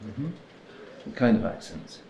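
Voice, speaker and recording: An actor playing a police sergeant who runs a formal interview and probes the witness skeptically. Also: male voice, lowish voice, animated, measured pace, gravelly, mellow, reverberant, a little hiss or hum.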